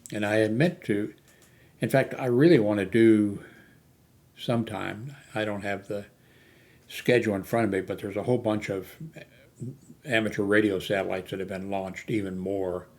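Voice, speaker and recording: A low-voiced man hosts an amateur radio video channel, speaking in a flat, even way in casual, unscripted vlog talk. He rambles and halts, often losing his thread as he searches for the next thought.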